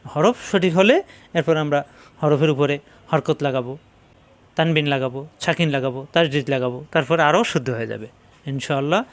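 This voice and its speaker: A man teaching Quran letter pronunciation in a slow lesson, repeating each sound in a Bangladeshi Bengali accent. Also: fairly high pitch. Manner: drills letter sounds with repetition.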